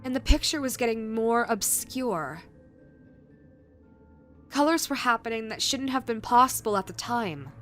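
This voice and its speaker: A woman reading a scripted creepypasta horror narration in a measured way, with dramatic pauses. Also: on the high side, expressive, a bit bright. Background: background music.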